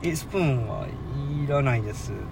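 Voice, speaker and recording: A man's voice: mid-range voice, animated, fairly quick, gravelly, noisy background. A young man with a Kansai accent telling a funny story on a casual podcast, acting out the lines he quotes. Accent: Kansai Japanese. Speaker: podcast co-host. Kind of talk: casual chat.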